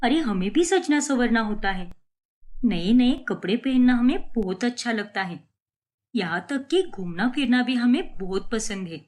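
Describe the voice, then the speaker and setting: A woman's voice: a little high, lively intonation, unhurried, a little mellow. A woman voicing a young daughter-in-law in a cartoon story who schemes and defies her mother-in-law. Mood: defiant. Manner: complaining, defiant.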